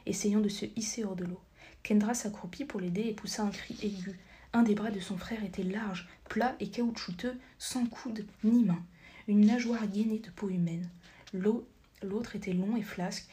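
A woman narrating a storybook audiobook, reading steadily and sometimes dropping to a soft, near-whispered tone. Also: mid-range voice, a little hiss or hum. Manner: steady reading, drops to a soft near-whisper at times, corrects small slips. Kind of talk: scripted narration.

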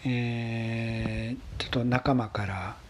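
A man with a husky voice, telling a story in a casual, polite monologue with gentle pauses. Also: mid-range voice, fairly even intonation, a little hiss or hum. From Kansai, Japan. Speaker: solo talk show host.

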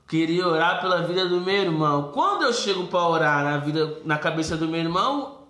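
Bright-voiced Brazilian man telling a testimony. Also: high-pitched. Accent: Brazilian Portuguese. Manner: animated, acts out voices, addresses listeners as brothers. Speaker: storyteller giving testimony. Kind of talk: casual testimony storytelling. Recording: roomy echo.

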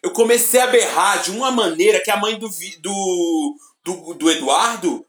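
A man with a deep voice, co-hosting a podcast and telling stories with excitement and sudden shouted bursts. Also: normal speed, over a noisy crowd. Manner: excited storytelling, bursts of shouting when retelling. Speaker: podcast co-host. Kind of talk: casual chat. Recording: roomy echoey room.

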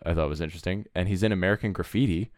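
Deep-voiced man in casual chat. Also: rapid-fire, a little mellow, no echo, studio quality. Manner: enthusiastic, rambling with fillers. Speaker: podcast co-host.

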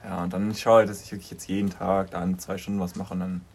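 A man's voice: low-pitched, fast talker, breathy edge. Laughing young man, casual chat. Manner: laughing, animated storyteller. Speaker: podcast co-host.

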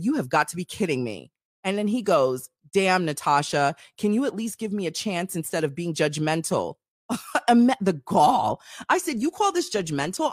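A woman's voice: on the low side, dry recording, clean studio sound. A woman co-hosting a podcast, telling a personal story in casual chat and acting out the quoted dialogue.

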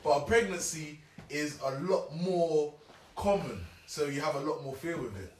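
A young London-accented man speaks in a fairly high voice, explaining his view in casual conversation. He repeats points for emphasis, and the room sounds echoey. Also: moderate pace, a little mellow, a little hiss or hum. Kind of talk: casual chat. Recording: echoey room, distant from mic.

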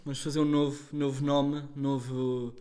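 A man's voice: medium pitch, flat delivery, moderate pace, dark tone. A young man with a European Portuguese accent co-hosting a casual podcast, talking in slang and swearing freely. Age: young adult. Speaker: podcast co-host.

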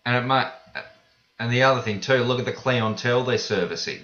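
A man's voice: medium pitch, brisk, a bit bright. A man with an Australian accent chatting casually as a podcast guest, in plain, laid-back everyday phrasing. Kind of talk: casual conversation. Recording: roomy, dull lo-fi sound.

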